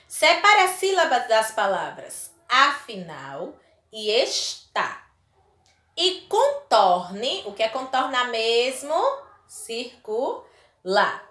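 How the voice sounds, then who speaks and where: This recorded lesson features a Brazilian primary school teacher speaking lovingly and emphatically to children, elongating key words. Her fairly high voice is a bit bright, and the space is reverberant.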